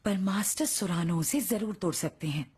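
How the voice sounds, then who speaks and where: A composed, self-assured actress in an animated film dub. She speaks at a mid pitch and tells her story in a steady, even manner. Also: moderate pace, husky. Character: confident woman stage actress. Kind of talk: Hindi anime film dub.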